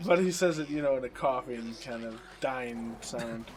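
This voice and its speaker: A man telling a story animatedly in a casual gaming chat, with loud crowd noise behind him. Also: medium pitch, normal speed. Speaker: let's play co-host.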